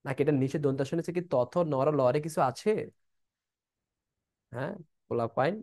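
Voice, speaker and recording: Man teaching, fairly high voice. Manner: repeats rules, checks if students are clear. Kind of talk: online admission-prep lesson.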